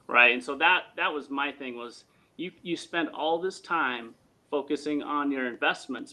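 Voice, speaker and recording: A man talking as a guest in a casual interview, earnest and animated, with sports analogies. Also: medium pitch.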